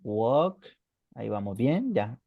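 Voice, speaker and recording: A man's voice: medium pitch, sing-song, slow, creaky, no room sound, phone-quality sound. A man teaching a beginner English class online in Spanish, patiently repeating examples and checking in with the students.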